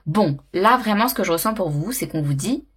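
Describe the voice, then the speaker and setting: A woman's voice: fairly low pitch, lively intonation, brisk, fairly bright tone, husky. A woman giving a monthly tarot reading to her viewers, talking in an intuitive, musing way with lots of fillers, restarts and repeated words. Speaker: tarot card reader.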